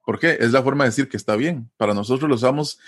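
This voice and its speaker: A man from Costa Rica with a Costa Rican accent, explaining in a relaxed, patient way as an interview guest, often pausing with fillers and tag questions. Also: mid-range voice. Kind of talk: casual conversational explanation.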